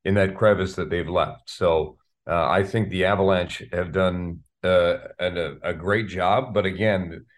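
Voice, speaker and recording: Unhurried and steady, his low voice carries a long-winded breakdown of hockey during a sports interview chat, where this radio play-by-play announcer appears as the guest. He tends to repeat himself as he gropes for what to say next.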